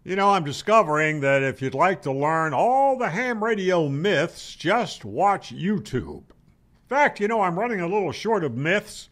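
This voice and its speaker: Talking to camera from a room at home, this American ham radio host in his seventies gives a wry, opinionated, conversational explanation full of rhetorical questions. His voice sits high, expressive and fairly bright, and he speaks a little slowly. A desk mic on a boom arm picks him up close.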